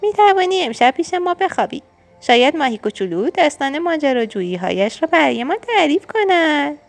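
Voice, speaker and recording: A woman's voice: high voice, big pitch swings, vocal fry, faint music behind, pitched above the performer's own voice, heavily acted. A woman voicing a young boy turtle in a storybook reading, in a raised childlike voice. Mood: gentle. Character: young boy turtle, sulky then glad.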